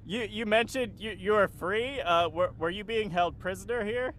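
A man's voice: high voice, moderate pace, fairly bright tone, slight background noise. A man playing a friendly, awkward droid crew member who talks politely with lots of hesitation. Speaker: player.

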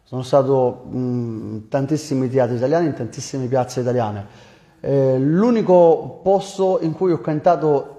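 A man's voice: mid-range voice, moderate pace, warm tone. A man from Campania with a Neapolitan accent, a singer explaining himself conversationally as an interview guest, with some hesitation. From Campania, southern Italy. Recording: roomy, echoing sound.

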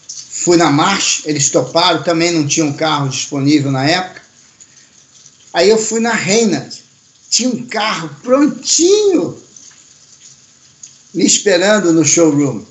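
A man telling a personal story in a casual, animated way, acting out the voices of the people in it. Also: a little high. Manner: animated, acts out quoted voices, slangy. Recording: roomy echoey sound.

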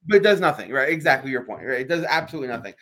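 A man's voice: mid-range voice, expressive, fairly bright tone. A man co-hosting a sports talk show, making emphatic points and often asking "right?". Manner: fast, emphatic, fills with "right?".

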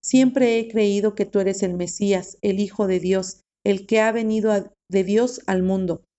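A woman's voice: mid-range voice, steady tone, unhurried, mellow, muffled recording, close to an everyday voice. A woman reading aloud the lines of Martha, a grieving, faithful woman. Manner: read aloud plainly.

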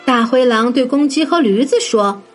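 A woman narrating a children's story in a gentle, sing-song manner, addressing young listeners. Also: a little high, moderate pace. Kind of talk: scripted bedtime story narration. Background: soft background music.

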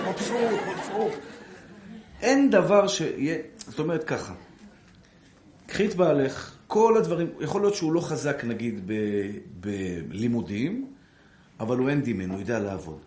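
Animated rabbi preaching in an echoey room. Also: male voice, medium pitch. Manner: animated, acts out short dialogues with shifting voices. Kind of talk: sermon on marriage.

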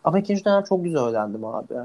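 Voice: mid-range voice, sing-song, very fast, a little mellow, muffled recording. A young adult co-hosting a casual chat, talkative and self-mocking, laughing often. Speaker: podcast co-host.

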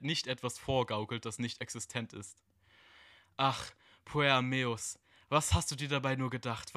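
Bright-voiced man reading a dark tale. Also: medium pitch, no room sound, clean studio sound. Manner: slow, solemn reading. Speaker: podcast co-host. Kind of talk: dramatic story reading, then casual chat.

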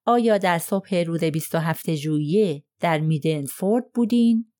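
A woman's voice: on the low side, warm tone, natural voice. A woman voicing a cold, firm male lawyer in an audiobook, pressing a witness with probing questions. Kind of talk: audiobook character reading.

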